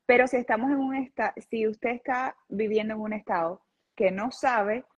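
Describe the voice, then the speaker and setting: A Spanish-speaking personal injury lawyer in her thirties, who lived in Venezuela but wasn't born there, earnestly explains legal cases as a guest in a video-call interview, often restarting her sentences. Her voice is husky, on the high side, and steady, at a moderate pace. She sits in an office with a city window behind her, and the call audio is dull and lo-fi.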